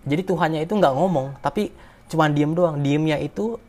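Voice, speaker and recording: A man's voice: on the high side, a little fast, a little mellow. Man, casual emotional storyteller, rambling and slangy.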